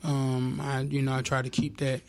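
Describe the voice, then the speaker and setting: A man's voice: mid-range voice, completely flat delivery, normal speed. A man chatting casually and colloquially in a group discussion. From small town in Georgia, US. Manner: conversational, colloquial.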